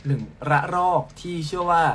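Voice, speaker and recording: A young man from Thailand, a singer, chatting casually and playfully with fans at home while reading out their comments on a phone live stream. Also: a little fast. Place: at home, in sleepwear.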